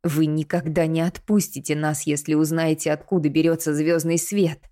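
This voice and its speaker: A woman's voice: low voice, little pitch movement, normal speed, dark tone, dry recording, studio quality, close to an everyday voice. A woman voicing a weakened but defiant young woman held captive in an audiobook. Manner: strained, defiant.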